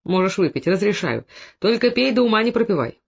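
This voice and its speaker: A man voicing a shrewd older army colonel who speaks calmly and commandingly with a dry mocking edge. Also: sits high, fairly quick, gravelly, lo-fi sound, full character voice. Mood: permissive. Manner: calm, commanding, mildly mocking.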